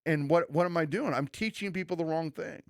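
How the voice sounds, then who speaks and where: A man's voice: on the high side, brisk, dry recording, clean studio sound. A man who is a pastor, co-hosting a church podcast in an earnest, conversational way, often restarting and acting out quoted remarks. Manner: earnest, preachy, many restarts and quoted asides.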